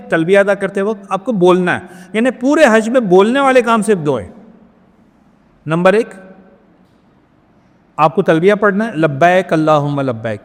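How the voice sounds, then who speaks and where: A male cleric teaching a Hajj training class, explaining step by step, mixing in English words and checking that each point is clear. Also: high-pitched, in a large hall. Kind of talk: religious training lecture.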